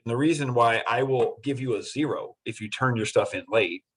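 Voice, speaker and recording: A middle-aged man delivers a university lecture, earnest and repetitive as he drives his points home. His voice is slightly husky and sits at an ordinary pitch for a man. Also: brisk, poor audio. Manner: earnest, repetitive, acts out students in quotes. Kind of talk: classroom lecture.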